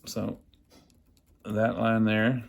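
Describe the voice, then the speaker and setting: The host of an amateur radio repair channel walks through a casual hands-on repair, thinking aloud in a folksy way as he works. His lowish voice is monotone, with drawn-out words and vocal fry.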